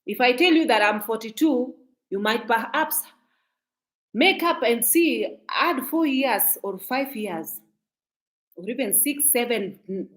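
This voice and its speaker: A woman from Kenya with a Kenyan accent, giving casual, talkative commentary on celebrity gossip to her viewers, emphatic and repeating herself. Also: on the high side. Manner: mixes in Swahili phrases.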